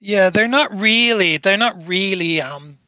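A male game master describing scenes in a relaxed, rambling manner. His voice is high and bright, and the dry recording sounds close to the mic with no room sound. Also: measured pace, no room sound, lo-fi sound. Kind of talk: narrating a tabletop game.

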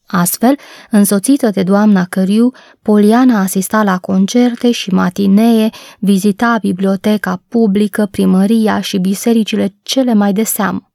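A woman reads a storybook aloud in a calm, measured way. Her voice is gravelly and mellow. The recording sounds close and dry. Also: medium pitch, no room sound. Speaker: narrator. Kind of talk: audiobook narration.

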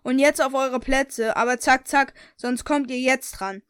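A woman's voice: high voice, fairly even intonation, measured pace, a bit bright, clear, resonant tone, no room sound, clean studio sound. A woman reading the curt, sarcastic lines of a strict female English teacher in her story.

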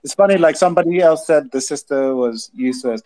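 A man's voice: on the high side, fairly quick, darkish tone, poor audio. A man co-hosting a podcast, discussing a film casually, stammering and restarting as he thinks aloud. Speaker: podcast co-host.

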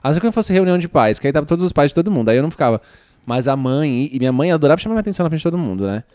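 A man with a Brazilian accent in casual chat, telling embarrassing stories in an animated way. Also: a little high, racing, no echo. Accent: Brazilian Portuguese. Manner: animated storyteller, calls his listener "menina".

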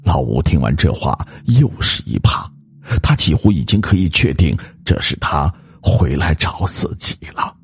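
A male storyteller with a very deep, gravelly, husky voice reads a ghost story. He speaks slowly and builds suspense, his pitch rising and falling in wide swings. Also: big pitch swings. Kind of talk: scripted ghost story narration.

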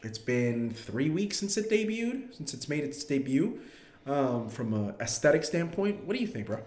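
A man's voice: on the high side, very animated, moderate pace, darkish tone. A man hosting a casual podcast, nasal and congested from a cold, with an emphatic, slangy, bro-style delivery. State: getting over a cold. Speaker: podcast host. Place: home dining room, indoors. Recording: roomy echoing indoor sound.

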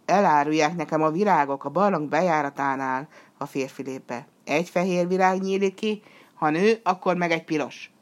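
A woman voicing a fierce, greedy male devil monster in a storybook reading, booming and menacing. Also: close to an everyday voice. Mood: mocking.

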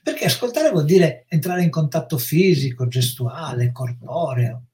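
Measured Italian-speaking male psychologist. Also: on the high side, lively intonation, a little mellow, a little hiss or hum. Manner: measured, explanatory. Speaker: psychologist guest. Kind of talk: reflective educational talk.

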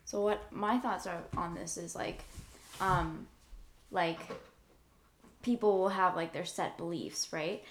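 A young woman from Canada chatting casually, slow and thoughtful with many fillers. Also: on the low side, a little hiss or hum. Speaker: conversation card game player. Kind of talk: casual chat.

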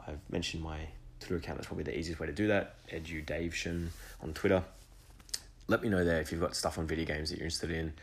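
A man hosting an education podcast alone, talking enthusiastically and rambling with restarts and asides. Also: sits low. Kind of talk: solo podcast monologue.

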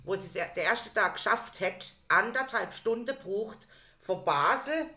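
A woman's voice: mid-range voice, expressive, normal speed, pushed and bright. A woman, chatting casually as a podcast co-host and telling a rambling story. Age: 40s. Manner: chatty storyteller, trailing restarts. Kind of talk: casual chat. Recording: echoey room.

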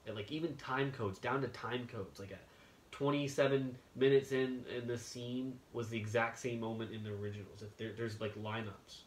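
A man's voice: medium pitch, fairly even intonation, normal speed, a little hiss or hum. A man co-hosting a podcast, chatting casually and rambling enthusiastically. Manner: rambling, enthusiastic, laid-back. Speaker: podcast co-host. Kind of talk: casual chat. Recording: echoey room with faint ambience.

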